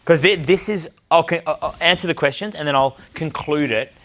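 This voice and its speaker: A young man giving a dating seminar, blunt and quick to swear, answering questions from the group. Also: a little high, a bit bright. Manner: blunt, swears freely, acts out bar dialogue. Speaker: dating coach.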